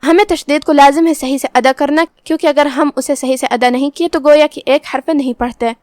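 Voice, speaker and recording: A woman with a high, light voice leads a slow recitation lesson and goes through each letter with careful, patient explanation. The sound is dry and close, with no room echo. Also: fairly even intonation, darkish tone. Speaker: Quran recitation teacher.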